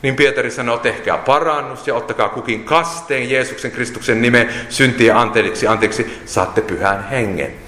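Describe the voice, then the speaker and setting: A man's voice: mid-range voice, bright, forceful tone, slight background noise. Male preacher, emphatic sermon delivery, long church reverb. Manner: emphatic, lists points and quotes scripture. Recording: echoey hall with long reverb.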